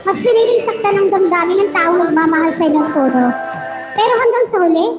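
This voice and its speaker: Very high-voiced woman reading heartbreak letters. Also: expressive, fairly quick. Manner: teasing, playful banter between readings. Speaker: livestream host. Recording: roomy, dull, with music behind.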